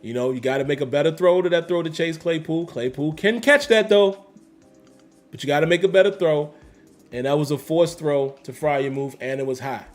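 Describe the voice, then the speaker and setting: Brief: male stream host, casual sports talk, emphatic and repetitive, slightly higher voice, faint music bed. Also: normal speed. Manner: emphatic, repeats phrases, slangy. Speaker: host reading live chat. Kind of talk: casual livestream commentary.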